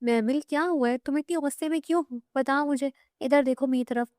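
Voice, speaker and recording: A woman reading aloud as a concerned young cousin in a romance audiobook, asking quick, worried questions. The voice is high and fast, recorded close and dry. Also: a little mellow, no echo, lightly acted.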